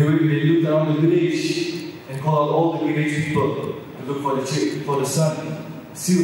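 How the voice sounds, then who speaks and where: At a college fest in a large hall, a man tells a folk tale, dramatically repeating words and restarting again and again. His voice is medium-pitched and darkish, picked up by a distant mic in an echoey room with slight background noise.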